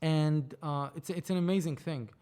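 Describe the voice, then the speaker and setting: Guesting on a podcast, a Lebanese man in his 30s who produces films shares stories in loose, lively conversation, frequently starting his sentences over. He speaks at a normal speed in a clear, resonant voice pitched slightly above the typical male range.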